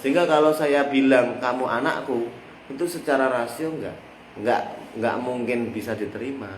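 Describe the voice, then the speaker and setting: A man with a Javanese accent teaches a lesson on a classical Islamic text, using everyday examples and getting his listeners to finish his sentences. His voice is mid-range and his pace moderate. The room is echoey, with faint noise in the background.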